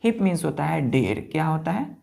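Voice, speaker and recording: A man teaching an English vocabulary lesson to exam students, spelling each word out letter by letter and often checking that it is clear. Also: on the high side, big pitch swings, fairly quick, mellow. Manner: spells words letter by letter and keeps asking if it is clear.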